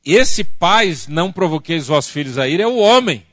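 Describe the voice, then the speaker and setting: A man with a Brazilian Portuguese accent giving a lively church workshop talk on family, asking the audience questions and acting out family arguments. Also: fairly high pitch, moderate pace, no echo, studio quality. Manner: animated, acts out quoted family arguments. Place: church conference hall.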